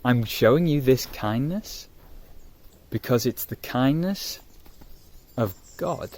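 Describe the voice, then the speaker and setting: A man telling it as a calm, generous old king. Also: medium pitch, slow pace. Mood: reassuring.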